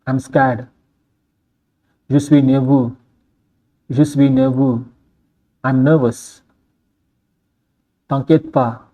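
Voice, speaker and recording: A man reading a scripted phrase drill slowly, saying each phrase twice and then giving the English. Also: medium pitch, narrow, tinny audio. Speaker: language teacher.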